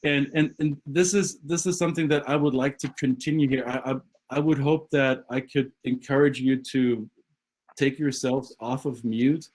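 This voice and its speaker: A man leading an online session as a guest speaker, talking quickly and often restarting his sentences over a video call. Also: medium pitch, a little mellow, rough recording. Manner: brisk, halting with repeated restarts. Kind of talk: conversational talk on a video call.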